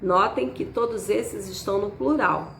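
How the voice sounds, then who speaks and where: A woman's voice: medium pitch, gravelly, a bit bright, a little hiss or hum. Patient woman teacher, echoey room. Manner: slow, patient, spells out each item. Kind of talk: explaining a worksheet to students. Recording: echoey room, faint background ambience.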